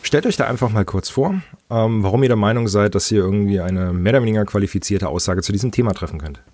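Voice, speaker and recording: A man hosts a podcast in a casual, chatty way. His voice is on the low side and slightly stuffed up with a snotty nose, recorded close and dry. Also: expressive, fast, darkish tone, dry recording. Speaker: podcast host.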